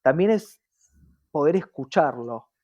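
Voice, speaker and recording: An Argentine diversity professional, guesting on a podcast, speaks reflectively and often tacks on short tag questions to check in. His voice is a little high, animated and a little mellow, at a measured pace, on a dull lo-fi recording.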